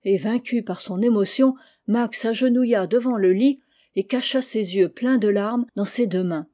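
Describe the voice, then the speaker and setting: A woman reading a children's novel aloud, narrating gently and giving the characters their lines. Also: on the high side, moderate pace. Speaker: audiobook reader. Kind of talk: storybook narration.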